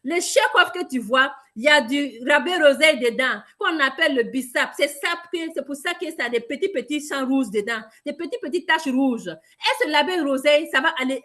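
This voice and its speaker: High-voiced, lively woman pitching a product. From Burkina Faso. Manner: lively, emphatic, addresses listeners directly. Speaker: product presenter. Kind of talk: sales training talk.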